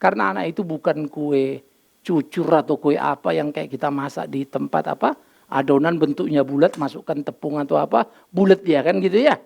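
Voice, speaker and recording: An older man, preaching a sermon as pastor, telling lively stories and acting out dialogue. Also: a little high, brisk, gravelly. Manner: lively storytelling, acts out dialogue, mixes in English phrases. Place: church.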